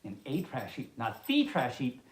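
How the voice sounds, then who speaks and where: A storyteller and host reads a children's picture book aloud in a lively, swooping female voice with an extremely low pitch. She keeps slipping into playful, chatty, halting asides of her own, and the room rings with echo.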